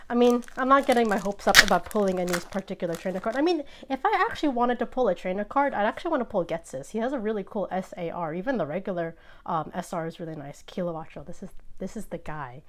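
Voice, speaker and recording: A woman hosting a casual unboxing video, chatting excitedly and sometimes tripping over her words. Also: mid-range voice, fast, a little hiss or hum. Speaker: host opening trading card packs.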